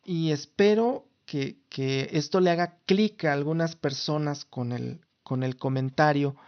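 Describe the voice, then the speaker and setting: With a voice on the high side and an unhurried pace, this Mexico City podcaster in his thirties talks casually on his own show in Mexican Spanish. The sound is lo-fi, and his manner is formal and lawyerly, often backing up to restart.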